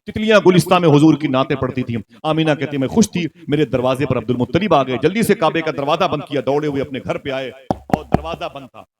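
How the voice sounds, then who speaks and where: A man preaching a sermon with impassioned storytelling that swells into loud exclamations, and he prompts his listeners to call back. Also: on the high side, fast talker, a crowd in the background.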